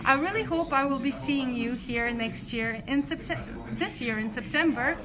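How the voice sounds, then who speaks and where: Young woman, high voice, chatty live-stream host, crowd chatter behind. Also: moderate pace. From Croatia. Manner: friendly, chatty, many restarts. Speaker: accommodation staff hosting a live stream. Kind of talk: live-stream Q&A, reading chat questions.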